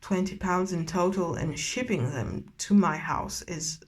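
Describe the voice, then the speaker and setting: A woman's voice: on the low side, unhurried. A drunk woman from Eastern Europe rambling casually in an opinionated, sweary rant, recorded in a bathtub at home. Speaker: vlogger and novelist. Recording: clearly noisy bathroom ambience.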